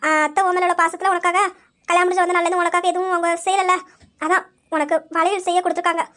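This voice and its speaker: A woman's voice: very high voice, flat delivery, a bit bright. A woman voicing a caring daughter-in-law in a large family, soothing and persuading the others. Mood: reassuring. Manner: brisk, reassuring, persuasive.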